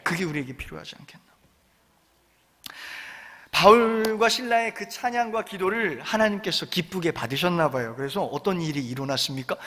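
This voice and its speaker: A man's voice: high voice, a bit bright, long reverb tail. A man preaching a sermon as pastor, telling the story dramatically and asking the congregation to repeat lines after him. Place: church sanctuary.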